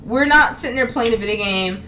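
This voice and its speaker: A woman talking casually to camera in a vlog, animated and chatty, with lots of fillers. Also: on the high side, fairly quick, slight background noise. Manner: animated, acts out quoted voices; chatty, with many fillers like "um" and "you know". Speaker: actress and model vlogger.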